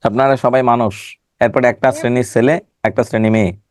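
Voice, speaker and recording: A man's voice: medium pitch, fairly even intonation, brisk, no echo. A middle-aged man teaching an online class over a video call, teasing and scolding students by name while he has a cold.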